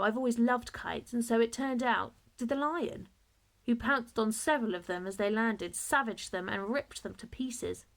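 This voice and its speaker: A woman with a fairly high voice reads a children's story aloud in the first person. She sounds like a teacher, measured and expressive.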